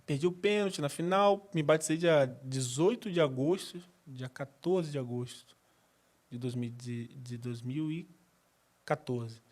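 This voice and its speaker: A man's voice: on the high side, measured pace. A man from Brazil, a former footballer and podcast guest, giving a personal testimony and acting out remembered conversations with lots of fillers. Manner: animated storyteller who acts out remembered dialogue, with frequent fillers.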